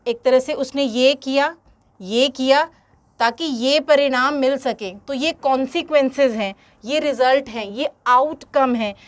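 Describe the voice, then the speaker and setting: Lady teacher, high voice, explains exam questions step by step to students. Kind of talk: exam-prep lesson in Hindi-English mix.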